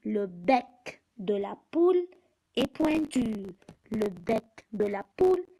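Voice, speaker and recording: A woman teaching young children from a picture book, speaking slowly and deliberately, repeating words and counting aloud. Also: fairly high pitch, very animated, vocal fry, mellow, poor audio.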